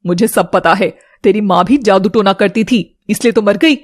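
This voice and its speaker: A woman's voice: mid-range voice, moderate pace, pitched below the performer's own voice, lightly acted. A woman voicing a cruel, taunting stepmother in a storybook drama, with a harsh, cackling manner. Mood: gloating. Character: cruel, gloating adult stepmother.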